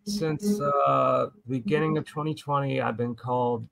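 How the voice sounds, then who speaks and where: A man's voice: medium pitch, steady tone, moderate pace, vocal fry, a bit bright, dry recording, soft background music, poor audio. Slangy, sweary American man, dry sound. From Baltimore, United States. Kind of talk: casual panel chat.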